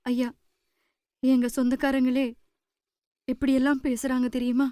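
Actress as a high-voiced, anguished widowed mother, radio drama. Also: completely flat delivery, dark tone, smooth, no room sound, studio quality. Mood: subdued, grieving. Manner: pleading, halting, deferential. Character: anguished poor fisherman's wife, newly widowed mother. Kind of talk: emotional radio drama acting.

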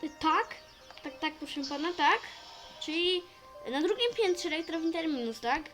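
A woman chatting in character as she plays a role-play story, narrating her own actions with sudden excitable outbursts. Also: extremely high pitch, normal speed, soft background music, poor audio.

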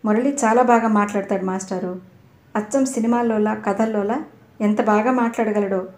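A woman's voice: medium pitch, fairly even intonation, normal speed, darkish tone, roomy sound, lightly acted. A woman voicing a naive, innocent teenage girl in an audio novel, talking earnestly.

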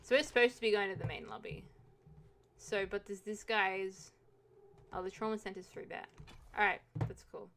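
A woman's voice: medium pitch, fairly even intonation, normal speed, pauses often, a bit bright. A young woman giving casual, jokey commentary while playing a video game, swearing now and then. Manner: chatty, swears, jokey asides. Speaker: game streamer. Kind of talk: casual let's-play commentary.

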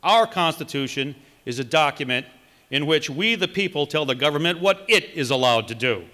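A middle-aged man from Wisconsin, a political candidate reading a campaign speech at a podium microphone with measured emphasis. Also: on the high side, animated, bright, forceful tone. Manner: reads from notes, emphatic measured delivery. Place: large conference hall, indoors. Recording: long hall reverb.

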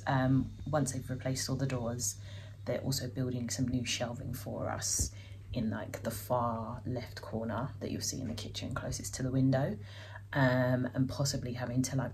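This woman's voice sits extremely low and has a darkish tone, heard through a low-quality recording with a little hiss or hum. She's a home vlogger chatting casually in her kitchen, full of ums and likes, using a handheld phone held at arm's length.

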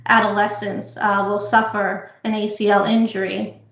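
A woman's voice: mid-range voice, flat delivery, fairly bright tone, highs cut off. Woman presenting over an echoey video call. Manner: explanatory, measured, frequent uh fillers. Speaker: physical therapy researcher presenting. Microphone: computer mic on video call.

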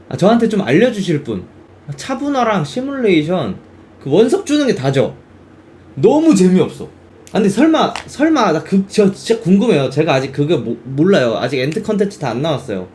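There's a little hiss or hum as a young male game streamer with a high voice chats casually. Animated throughout, he exclaims and acts out quoted reactions.

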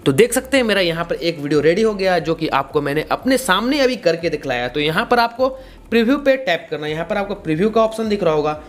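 Speaking quickly with lively intonation, a high-voiced YouTube host in his twenties explains things step by step. He has an Indian accent and a casual style that repeats instructions as he goes.

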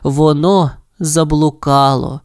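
A narrator reading a children's audio fairy tale in an expressive, lilting storytelling voice. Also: mid-range voice, slow, no room sound, studio quality.

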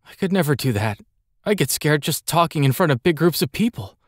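A man voices a shy, timid boy in a storybook. The voice is a little raised and soft, hesitant, with a dry close sound. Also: fairly high pitch, animated, brisk, dry recording, pitched above the performer's own voice.

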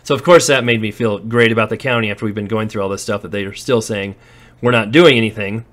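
A fast-talking man with a fairly low, steady, slightly bright voice narrates a casual vlog on a handheld phone as he walks through empty warehouses and outdoor areas. He's a real estate investor and landlord showing off his properties. He chats and tells stories, laughing occasionally.

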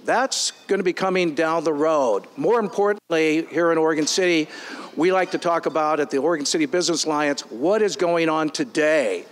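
Male forum host, slightly high, upbeat, filler-heavy. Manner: upbeat, with frequent ums and uhs. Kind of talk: addressing a meeting room. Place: meeting room.

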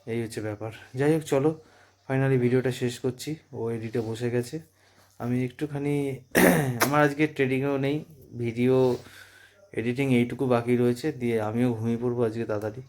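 A little mellow and medium in pitch, this man's voice keeps a fairly even intonation at normal speed, broken by long pauses. He's a vlogger in his thirties recording a casual family video at home at night, patiently working on his daughter's pronunciation and chatting about his day.

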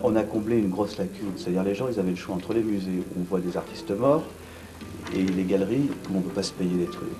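A middle-aged man seated in a gallery cellar, answering an interview in a blunt, brisk way with many restarts. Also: low voice, music in the background, poor audio. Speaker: art fair organizer. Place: vaulted brick gallery cellar, indoors.

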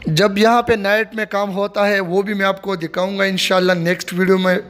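Man, high-pitched, casual, repetitive walking tour, outdoors, phone mic. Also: little pitch movement, brisk, fairly bright tone, faint music behind. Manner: repetitive, plain commentary while filming. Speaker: vlogger giving a site tour. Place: outdoor construction site of a stadium. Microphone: handheld phone.

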